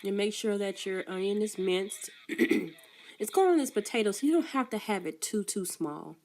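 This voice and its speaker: A congested cook with a cold explains a recipe step by step from a food truck kitchen, plainly and casually, coughing often along the way. She has a mid-range, darkish voice and talks at a normal speed.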